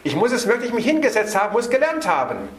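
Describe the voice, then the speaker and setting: A man preaching an evening sermon on a Bible passage. He stresses words by slowing down and hurries through his asides. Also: high voice, huge pitch swings, roomy sound.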